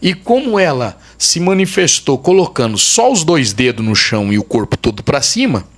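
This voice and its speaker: A man's voice: on the high side, very animated, normal speed. A man, a pastor and podcast guest, telling a testimony in vivid detail, emphatic and repeating phrases for weight. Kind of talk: testimony storytelling in a podcast interview.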